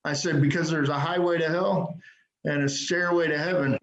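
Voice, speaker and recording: Over a video call, a stand-up comedian runs through self-deprecating material, punctuating his punchy jokes with frequent "right?". His voice is on the high side and fairly even, at normal speed, picked up by a computer mic in an echoey room with a little hiss or hum.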